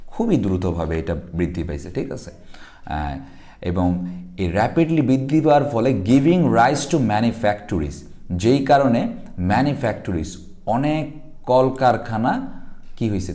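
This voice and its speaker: A man's voice: lowish voice, dark tone. A man teaching an exam passage in a chatty way, often stopping to check that students follow. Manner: conversational, frequent check-ins and fillers. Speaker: English teacher. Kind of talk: exam lesson explaining a passage.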